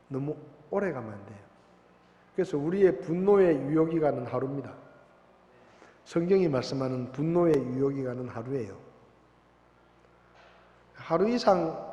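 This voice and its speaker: A man's voice: on the high side, warm tone. A man preaching a sermon in a church, emphatic and putting questions to his congregation. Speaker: pastor. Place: church sanctuary. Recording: echoey dull church recording.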